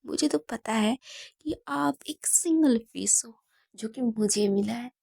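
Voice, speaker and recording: A woman voicing an affectionate young woman who pleads softly with her partner, often close to a whisper. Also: on the high side, takes it slowly, creaky, full character voice. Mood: tender. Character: loving young woman, teasing and soothing partner.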